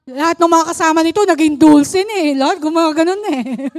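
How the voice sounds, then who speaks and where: Filipino woman, middle-aged, high voice, chatty sermon that keeps asking for amens. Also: fairly quick, a little mellow. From Philippines. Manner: chatty, laughing, asks "Amen?" often. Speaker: preacher. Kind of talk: Taglish sermon.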